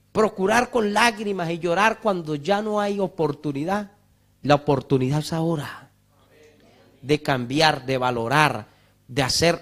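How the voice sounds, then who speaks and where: A male pastor preaching a fervent sermon in church, rising to shouts on scripture and mocking wailing sinners. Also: fairly high pitch.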